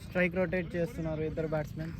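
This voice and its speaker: A man's voice: fairly high pitch, flat delivery, rapid-fire. A man with a Telangana Telugu accent giving amateur cricket commentary in Telugu mixed with English cricket terms, in short exclamatory calls. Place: outdoors at a cricket ground. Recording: outdoor match with crowd noise behind. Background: crowd and outdoor sounds.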